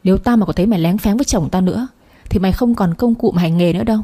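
A woman's voice: mid-range voice, rapid-fire, dark tone, slightly rough, close to an everyday voice. A woman voicing a heavy-set jealous wife who hurls coarse insults and threats. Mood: contemptuous, threatening.

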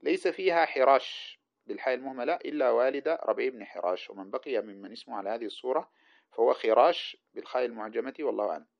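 A man teaches hadith sciences at a brisk clip, reading aloud from a classical book and pausing to spell out how each name is voweled. His voice is of middling pitch, and the recording sounds dull and lo-fi. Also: creaky. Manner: spells out letters and vowels of names; reads passages aloud then explains them. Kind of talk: lecture commenting on a classical text.

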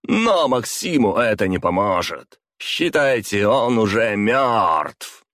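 Male narrator doing a tired, contemptuous villain, slow and mocking, dry audiobook sound. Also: lowish voice, very animated, fairly bright tone, dry recording, voice pushed up, heavily acted. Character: cruel weary male villain possessing a body. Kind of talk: audiobook character voice.

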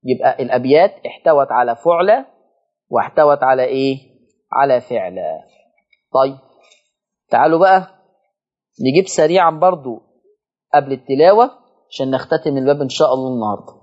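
A man with an Egyptian accent teaching Quran recitation rules on a televised lesson, chanting verses slowly and explaining in quick colloquial asides. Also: medium pitch, expressive, darkish tone, muffled recording. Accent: Egyptian Arabic.

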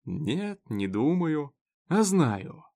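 Storybook captive, voiced by a man: predatory, mocking, unhurried drawl. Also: mid-range voice, big pitch swings, darkish tone. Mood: taunting. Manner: sly, drawling, taunting. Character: mocking, predatory male prisoner.

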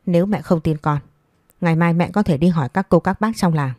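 A patient young widow, polite and soft-spoken, pleading respectfully with her elders, as a woman storyteller voices her. The tone is low and mellow. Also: brisk, no echo, lightly acted.

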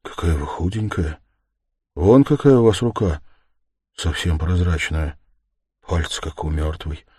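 Narrator doing a gloomy brooding young guy, short curt lines, a bit louder than the narration, dry sound. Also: low-pitched, unhurried, long pauses, breathy edge, no room sound. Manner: gloomy and abrupt. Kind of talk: audiobook character reading.

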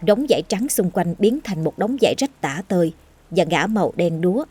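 Husky, dark-voiced woman reading a horror story. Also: on the low side. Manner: steady, measured storytelling. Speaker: narrator. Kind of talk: scripted horror story narration.

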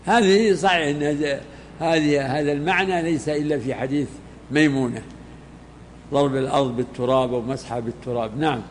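An older man, a sheikh, explaining a classical text to students in unhurried, halting commentary. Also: fairly high pitch. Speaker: sheikh teaching a hadith text. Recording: hall reverb, faint background noise.

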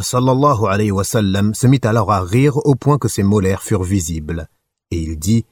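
A man reading a religious biography aloud as an audiobook narrator, measured and solemn. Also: on the low side, darkish tone, slightly rough, no room sound.

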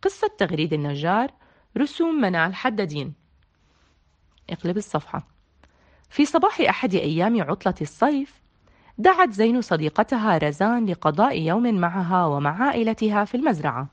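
A woman reading a children's picture book aloud, with expressive delivery and page-turn cues. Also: mid-range voice, brisk, highs cut off. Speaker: storyteller.

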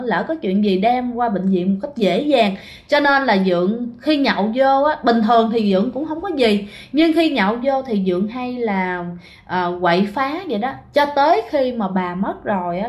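A woman with a Southern Vietnamese accent telling a ghost story in a casual, chatty way, often speaking straight to her listeners. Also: on the high side. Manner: chatty, keeps addressing listeners directly.

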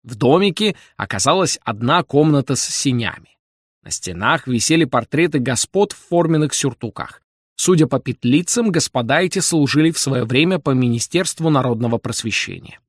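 Brief: male audiobook reader, mid-pitched, animated intonation, expressive scripted narration. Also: normal speed, no room sound, studio quality. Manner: expressive, storytelling.

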